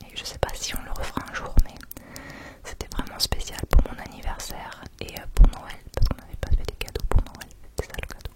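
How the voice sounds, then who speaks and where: Female ASMR vlogger, hushed whisper for quiet late-night listening, informal and rambling, repeats words softly. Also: brisk. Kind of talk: whispered ASMR travel vlog narration.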